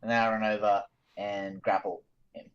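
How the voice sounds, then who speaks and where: Lo-fi low-voiced eager gamer guy. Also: level tone, normal speed, a little hiss or hum. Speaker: player. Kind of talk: tabletop game play on a voice call. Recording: dull lo-fi call audio.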